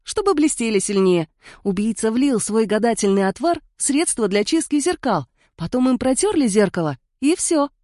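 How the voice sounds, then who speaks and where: A woman's voice: on the high side, big pitch swings, normal speed, warm tone, dry recording, clean studio sound, voice pushed up. A woman voicing a petite, restless young woman who talks cheekily. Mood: cheeky. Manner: giggly, cheeky.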